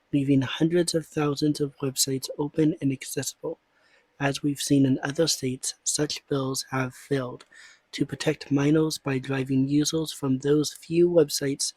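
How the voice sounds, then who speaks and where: A man delivering scripted commentary in a measured, formal way, as an online content creator. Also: on the high side, a little mellow, no echo, poor audio. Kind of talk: scripted commentary, reading and responding to statements.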